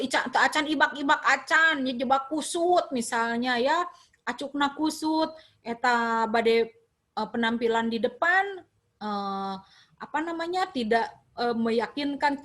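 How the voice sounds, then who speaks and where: High-voiced woman lecturer, Sundanese accent. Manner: lively, quizzes students, mixes Sundanese and English words. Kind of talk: classroom lecture.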